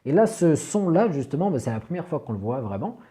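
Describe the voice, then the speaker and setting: A man whose first language is French, patiently teaching English pronunciation in a video lesson and repeating each word slowly. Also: on the high side, sing-song, mellow.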